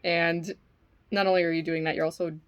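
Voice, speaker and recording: Low-voiced woman talking with mouth full. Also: flat delivery, smooth. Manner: informal, musing, halting, with mild swearing. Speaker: vlogger eating on camera. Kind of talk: casual rambling opinion talk while eating.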